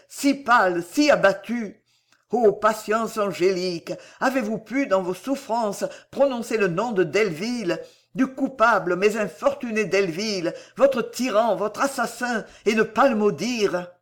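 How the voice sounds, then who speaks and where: A man's voice: sits high, unhurried, fairly bright tone. A man reading an audiobook, voicing a remorseful young male lover who declaims in fervent exclamations. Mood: impassioned.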